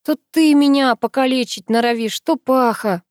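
A woman's voice: sits high, normal speed, a little mellow, dry recording, clean studio sound, pitched above the performer's own voice, close to an everyday voice. A woman voicing a cocky, joking teenage boy in an audiobook, drawling and teasing.

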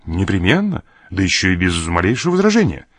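A man's voice: low-pitched, wildly swooping pitch, fast, dry recording, heavily acted. A man reading a sly burly henchman. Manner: sly, feigns not noticing.

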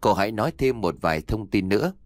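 Brief: man doing a grieving young villager, plaintive and unsure, low voice. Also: expressive, fast talker, dry recording, studio quality, close to an everyday voice. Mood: uncertain.

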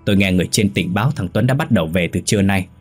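A man voicing a scheming old master of the house who gives calm orders. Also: low voice, rapid-fire, slightly rough, faint music behind.

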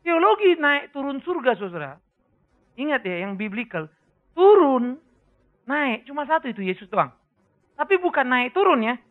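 A man preaching a sermon with an Indonesian accent, lively and joking, breaking into sudden loud bursts. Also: very high-pitched, gravelly. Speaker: pastor. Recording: tinny phone-like sound.

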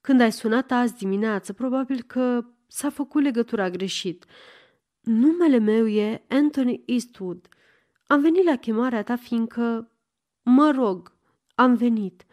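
A woman's voice: a little high, a little mellow, natural voice. A woman reading an audiobook and voicing a polite, wry young man who keeps up a bluff. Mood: calm, polite.

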